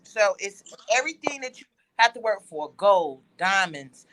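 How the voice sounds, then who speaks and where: A woman speaks in a bright, forceful voice at an average pitch. She argues informally as a panel participant, insistent and moralizing, in everyday colloquial phrasing. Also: big pitch swings, moderate pace, a little hiss or hum, rough recording. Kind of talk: informal opinionated discussion.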